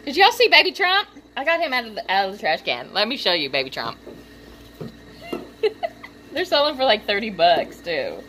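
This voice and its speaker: A young woman vlogging from her room, gushing with excitement, giggling, squealing and filling her talk with "like" and "um". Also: a little high, moderate pace, long pauses, slight background noise. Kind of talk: excited unboxing vlog. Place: home room.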